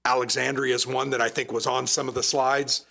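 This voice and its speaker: A hoarse town manager speaks at a council dais, his voice gravelly and husky as it gives out. He explains in an earnest, patient way, with a bright, forceful edge. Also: medium pitch, flat delivery, a little fast. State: losing his voice. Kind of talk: presenting at a council meeting. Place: council chamber.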